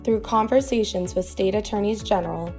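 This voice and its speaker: A woman reading a scripted podcast introduction in a measured, promotional way. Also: medium pitch, darkish tone, soft background music. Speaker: announcer.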